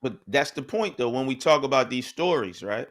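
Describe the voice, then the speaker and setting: Speaking at normal speed with a medium pitch and lively intonation, this podcast co-host chats in a relaxed, conversational style. He frequently tags his points with "right?" throughout the casual discussion.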